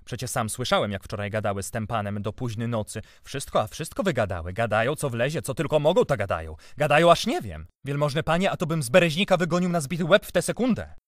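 A man's voice: mid-range voice, expressive, fast talker, hardly any pauses, dry recording, clean studio sound, voice pushed up, lightly acted. A man reading an audiobook, voicing an officious old manservant who tattles in an urgent, repetitive, pleading way. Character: old male servant, officious and fussy.

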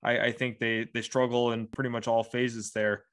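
Flat-voiced young man breaking down games. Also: medium pitch, moderate pace. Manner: many fillers like "you know", steady analytic tone. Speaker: sports podcast co-host. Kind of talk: casual sports analysis.

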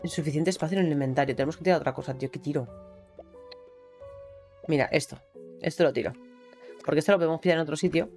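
A gaming streamer with a Spain Spanish accent gives casual, chatty commentary, exclaiming and swearing offhandedly. Her voice is deep and a little mellow, quick but broken by long pauses, with faint game music behind her.

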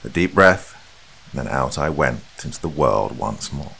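A man reading a horror story aloud as a podcast host, dramatic and measured. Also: a bass voice, expressive, creaky, sharp tone, husky, rough recording.

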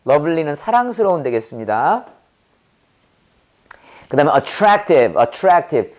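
Lively Korean man teaching English words. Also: on the high side, slow. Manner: animated, drops into silly voices and sound effects to make words memorable. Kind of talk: vocabulary lesson with playful acted examples.

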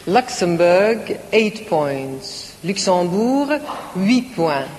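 A woman presenting a live song contest, reading each score in English and then in French in a measured way. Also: on the low side, very animated, a little mellow, a little hiss or hum. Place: large concert hall. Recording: live broadcast from a concert hall with audience.

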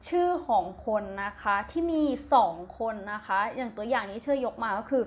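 A woman's voice: fairly high pitch, expressive, moderate pace. A woman with a Thai accent teaching a primary English lesson, spelling words letter by letter, repeating each word twice, then giving its meaning. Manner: gentle, patient, ends phrases with polite particles. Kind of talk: slow recorded classroom lesson.

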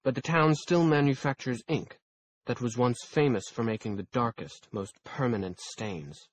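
Curt bossy lady mentor, lectures like a strict teacher, a bit husky, man reading her in an audiobook. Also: medium pitch, normal speed, natural voice. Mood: lecturing. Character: brisk, bossy adult woman mentor.

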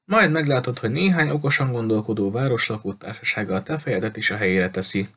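A man's voice: mid-range voice, fairly bright tone, husky. A man voicing a cheerful, talkative little lady who runs a bookshop, gushing and cutting others off.

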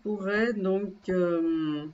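Woman teacher reading a dictation, deliberate and repetitive, mid pitch, muffled recording. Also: a little mellow. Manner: slow and deliberate, repeating and spelling words aloud. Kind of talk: dictation lesson.

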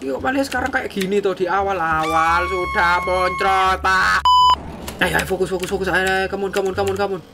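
A woman with a Javanese-inflected Indonesian accent, giving excitable gameplay commentary, often shouting and fretting and dropping English slang. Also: medium pitch, a little fast, vocal fry, heavy background noise. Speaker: gaming YouTuber.

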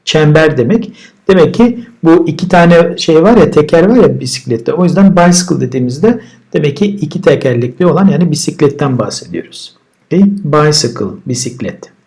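Male teacher, slightly higher voice, repeats each word and then explains it calmly. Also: brisk. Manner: relaxed explaining, with repeated words and translations. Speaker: English teacher. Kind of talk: vocabulary lesson.

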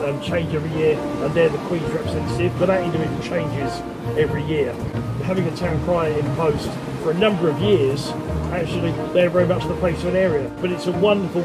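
Middle-aged male interviewee, English accent, slightly high pitch, stumbling informal explanations, prominent music bed. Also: low-quality recording. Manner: hesitant, repeating words as he explains. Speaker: town crier being interviewed. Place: outdoors on a seaside pier bench.

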